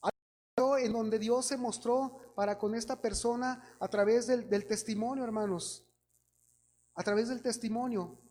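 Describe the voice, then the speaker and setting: A man's voice: very high voice, fairly even intonation, moderate pace, a little mellow. A man preaching a sermon, telling a personal testimony in a conversational way and often addressing the congregation as brothers.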